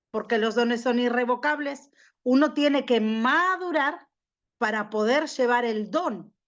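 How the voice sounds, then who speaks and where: High-voiced woman, emphatic preaching teacher, dull lo-fi recording. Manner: emphatic, repeats key phrases for stress. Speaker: prophet teaching a training class. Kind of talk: preaching-style Bible class.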